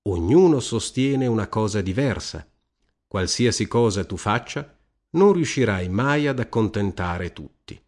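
A man reading a fable aloud as a narrator, measured and expressive. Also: on the low side. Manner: measured, lively storytelling.

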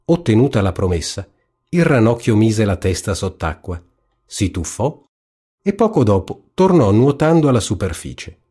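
A man narrating a fairy tale in a calm, even storybook reading. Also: lowish voice, normal speed, breathy edge.

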